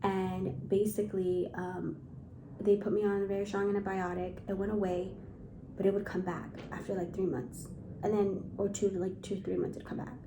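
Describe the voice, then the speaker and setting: A woman's voice: medium pitch, flat delivery, moderate pace, noisy background. A young woman telling a personal story to camera in a casual vlog, filling her speech with "like" and retelling her fear. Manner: anxious retelling, heavy use of "like". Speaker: vlogger. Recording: echoey room.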